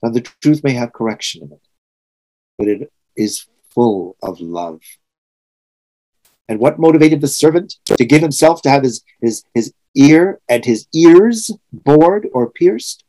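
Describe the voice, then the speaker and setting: A man's voice: medium pitch, big pitch swings, measured pace, dark tone, low-quality recording. A sixty-year-old man from Trinidad and Tobago, preaching a sermon in an earnest, reflective way with emphatic swells. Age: 60s.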